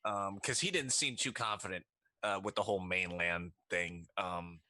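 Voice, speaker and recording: A man's voice: deep voice, steady tone, moderate pace, over a noisy crowd. A man talking casually as a player in a tabletop game.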